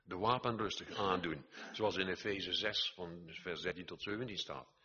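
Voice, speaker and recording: Older earnest preacher, husky voice. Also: male voice, deep voice, moderate pace, sharp tone, dull audio. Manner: earnest, exhorting, repeats phrases, swells to emphatic peaks. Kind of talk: sermon.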